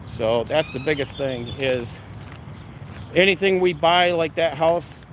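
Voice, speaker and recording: A man's voice: fairly high pitch, unhurried. A middle-aged man talking casually in a rambling vlog, with a blunt, salty, abrasive manner. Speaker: vlogger. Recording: noisy outdoor or vehicle ambience.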